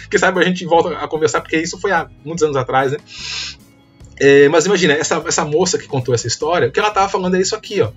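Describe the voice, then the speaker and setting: A high-pitched man talks through a casual video lecture, drifting into anecdotes and checking in with the listener again and again. The sound is dull and lo-fi. Faint music plays underneath. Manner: rambling, frequent tag questions and restarts.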